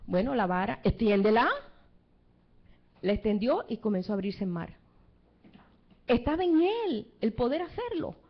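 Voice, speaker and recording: A woman preaching a sermon in a lively storytelling way, acting out the people she quotes. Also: a little high, moderate pace, long pauses. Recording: dull lo-fi sound.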